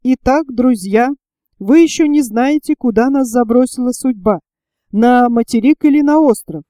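A woman reading the part of a calm, thoughtful middle-aged male engineer, measured and reassuring. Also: a little high, no room sound, lightly acted.

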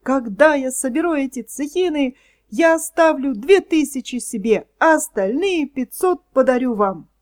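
A woman voicing Pinocchio, a naive and eager wooden puppet boy in a storybook reading, in a higher, excited voice. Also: moderate pace. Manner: excited, wide-eyed.

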